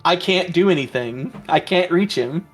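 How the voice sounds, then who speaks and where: A man's voice: fairly high pitch, lively intonation, moderate pace, slightly rough, faint music behind. A man chatting casually as a player at a tabletop game, rambling with lots of ums and restarts.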